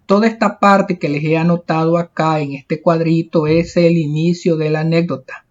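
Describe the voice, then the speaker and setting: A man's voice: a little high, a little mellow, muffled recording. A man teaching a grammar lesson to young children, explaining step by step in a patient way. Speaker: primary school teacher.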